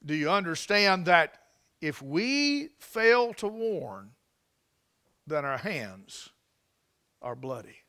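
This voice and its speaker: High-voiced fervent preacher. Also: male voice, sing-song, slow pace, long pauses. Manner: swings from hushed to loud and fervent. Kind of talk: sermon storytelling.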